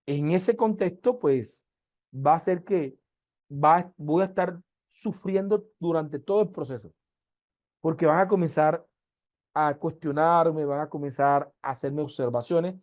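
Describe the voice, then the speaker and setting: A middle-aged man from Colombia with a softened Caribbean-coast accent, lecturing an online class over a video call and often checking in with "¿sí?". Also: on the high side, no echo. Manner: explanatory, asks "¿sí?" often, with slow emphatic stretches. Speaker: university lecturer.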